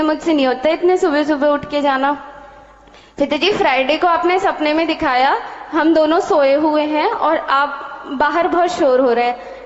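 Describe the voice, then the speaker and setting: A woman telling a personal testimony to a spiritual leader, animated, acting out many quoted exchanges. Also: high voice. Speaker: devotee sharing a testimony. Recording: dull, echoey hall sound.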